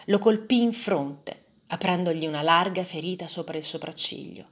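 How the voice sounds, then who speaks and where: A woman reading a first-person story aloud in a measured, dramatic way. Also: on the low side.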